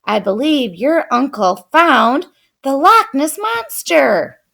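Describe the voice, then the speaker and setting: Woman reading librarian, brisk, helpful, storybook, lively pitch. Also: gravelly, heavily acted.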